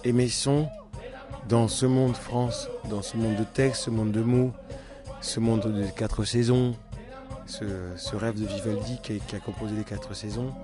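A man's voice: lowish voice, fairly even intonation, measured pace, music in the background. A man with a Cameroonian accent, who grew up in Cameroon, speaks reflectively as a musician in a documentary interview and repeats phrases for emphasis.

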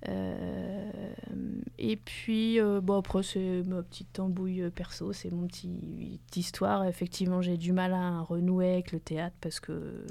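A woman with a low, gravelly voice talks as an interview guest in a dry, close sound. She hesitates and restarts often, with plenty of fillers. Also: little pitch movement, measured pace, dark tone, no echo. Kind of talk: radio interview conversation.

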